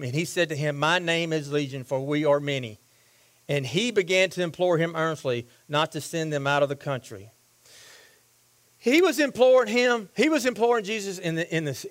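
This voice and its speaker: A man preaching a sermon, asking the congregation questions and answering them himself. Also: fairly high pitch. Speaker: pastor.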